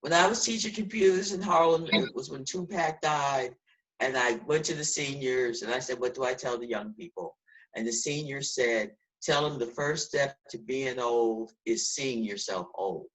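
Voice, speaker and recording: A woman's voice: a bass voice, moderate pace, low-quality recording. Earnest woman in her sixties on a call. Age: 60s. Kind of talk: casual video call discussion.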